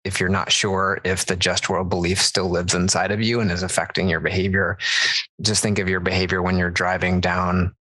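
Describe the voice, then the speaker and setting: A man hosting a podcast in casual chat, relaxed and laughing often, restarting his sentences. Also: low voice, moderate pace, no room sound, low-quality recording. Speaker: podcast host.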